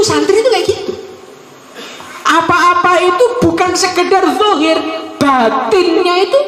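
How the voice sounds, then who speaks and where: Man, religious sermon, lively swooping pitch, joking delivery, long reverb of a big hall. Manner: animated, joking, swings between low murmurs and high exclamations. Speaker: Islamic preacher. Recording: echoey hall with long reverb, faint noise.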